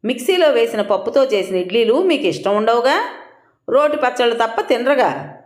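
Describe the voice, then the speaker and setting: A woman voicing a patient, practical housewife who answers her husband calmly. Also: fairly high pitch, normal speed, natural voice. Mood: defensive. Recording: roomy echo.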